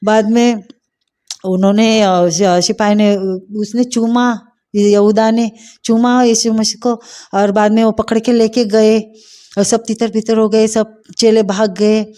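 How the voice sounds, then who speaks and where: A middle-aged woman telling a personal faith testimony, heartfelt and hesitant, pausing often with fillers. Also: fairly high pitch, little pitch movement, dark tone. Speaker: testimony speaker.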